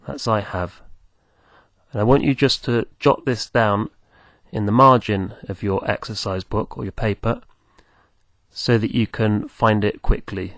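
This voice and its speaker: A man teaching beginners, speaking slowly and patiently, repeating words for the listener to copy. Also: fairly low pitch, no room sound. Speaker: language teacher. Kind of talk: slow, patient teaching with pauses.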